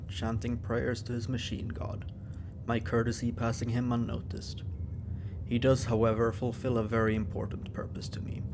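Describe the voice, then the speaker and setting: A man narrating a first-person story in an even, steady way. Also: mid-range voice, gravelly, noisy background.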